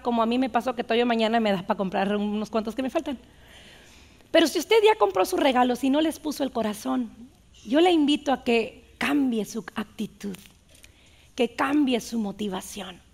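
A woman pastor delivers a sermon to her congregation. Her voice is high and has a gravelly texture. She preaches in a chatty, lively storytelling manner.

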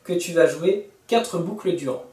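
A man's voice: fairly high pitch, moderate pace, a little mellow, far from the mic. A man teaching a song on guitar, talking casually to the viewer, counting beats and singing bits of the lyrics. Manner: talks to the viewer informally, counts beats and sings lyric snippets over guitar. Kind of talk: guitar tutorial explanation. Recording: roomy, from off-mic, with guitar playing.

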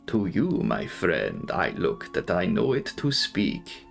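A man voicing a courtly, commanding Transylvanian count in an audiobook, speaking in formal, drawn-out, measured phrases with a sinister edge. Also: low voice, wildly swooping pitch, gravelly, soft background music, heavily acted. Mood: courtly, longing. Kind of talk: dramatic audiobook character reading.

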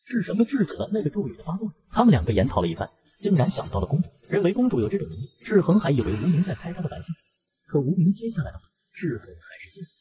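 A man narrating a fantasy romance comic recap in a brisk storytelling manner. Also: a little high, huge pitch swings, lo-fi sound, a crowd in the background.

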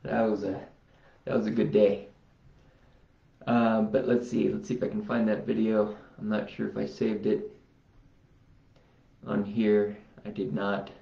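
A man's voice: lowish voice, level tone, gravelly. A man vlogging casually as he demonstrates a self-healing routine, rambling and talking to himself as he goes. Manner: unhurried, rambling, talks to himself. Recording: roomy, dull lo-fi sound.

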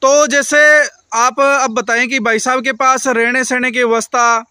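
A man's voice: very high-pitched, level tone, unhurried, bright, forceful tone, smooth, dry recording, clean studio sound. A middle-aged man hosting a promotional interview outdoors at a buffalo farm, holding a small handheld mic and asking repetitive, leading questions with polite address. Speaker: dairy channel host interviewing a buyer.

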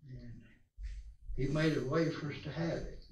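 A man preaching into a pulpit microphone, his voice set a little high and unhurried. He reads scripture in a slow, deliberate way and trips over a word now and then. The sound is roomy and heard from some distance across the church. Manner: slow, deliberate reading with small stumbles. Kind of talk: sermon with scripture reading. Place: church sanctuary.

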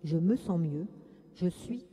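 A woman reading aloud as a sensitive, thoughtful young boy who speaks of calming his anger, in a slow, soothing storytelling voice. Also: lowish voice, pitched below the performer's own voice. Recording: echoey lecture hall.

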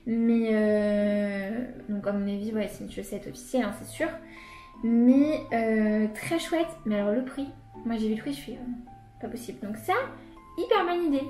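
A fairly high-voiced woman chats eagerly as she unboxes gifts, full of little fillers and happy exclamations. Her voice rings in a roomy, echoey space. Soft music plays quietly behind her. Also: a little slow. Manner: chatty and enthusiastic, many fillers. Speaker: unboxing vlogger. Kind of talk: casual unboxing chat. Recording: echoey room with light music.

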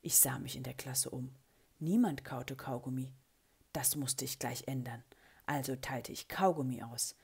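A woman reading a children's story aloud, with a breathy voice and an expressive way of giving the characters their lines. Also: very deep voice, measured pace. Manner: expressive, lively character voicing in quotes. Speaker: children's book reader.

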